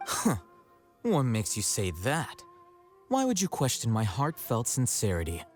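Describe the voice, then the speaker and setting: A man's voice: mid-range voice, huge pitch swings, a little slow, faint music behind. An actor playing a cool, sardonic young male scribe in a video game, dry and teasing.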